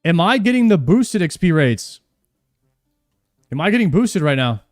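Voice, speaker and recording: A man's voice: sits high, very animated, normal speed, darkish tone, no echo, clean studio sound, soft background music. A young man streaming a game, chatting casually and joking as he plays, often repeating himself mid-sentence. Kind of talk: casual live-stream commentary while playing.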